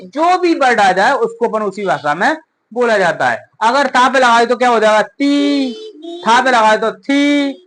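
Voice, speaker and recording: A woman's voice: fairly high pitch, a bit bright, slight background noise, poor audio. Woman drilling vowel signs. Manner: drilling, asks questions and answers them herself. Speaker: teacher. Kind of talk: children's Hindi phonics lesson. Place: coaching classroom.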